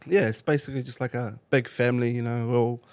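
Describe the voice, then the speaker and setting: A man from Iraq, a car club member talking as a guest in a relaxed casual interview, laughing often and using slang fillers. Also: mid-range voice, fast, clean tone, dry recording.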